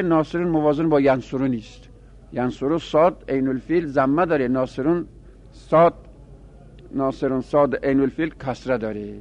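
A male teacher lectures on grammar at an ordinary middle pitch, working through each pattern methodically and repeating the pairs aloud. He poses questions and then answers them himself. The recording sounds dull and lo-fi. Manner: asks and answers his own questions. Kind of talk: classroom lecture.

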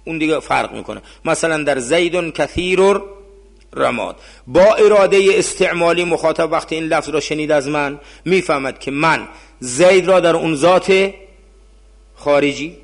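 A man's voice: a little high, creaky. A man teaching a class. He reads out Arabic phrases, explains them in Persian and puts questions to his students. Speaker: seminary teacher.

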